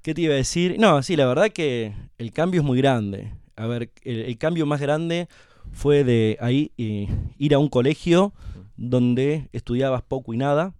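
A middle-aged Argentine man from La Pampa, a company co-founder chatting as a guest in an interview, telling his story in a relaxed way with lots of fillers. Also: mid-range voice, a little slow, smooth, no room sound, clean studio sound. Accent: Argentine Spanish. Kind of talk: casual interview conversation.

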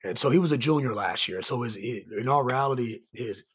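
A man with a raspy, hoarse voice, worn from yelling, giving earnest, rambling answers as a coach being interviewed. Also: medium pitch, moderate pace. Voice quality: raspy, strained voice. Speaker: high school basketball coach and site coordinator, guest.

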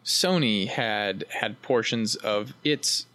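A man's voice: lowish voice, takes it slowly, sharp tone, no room sound. A man co-hosting a casual gaming podcast, telling a long story with many restarts. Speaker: podcast co-host. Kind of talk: casual chat.

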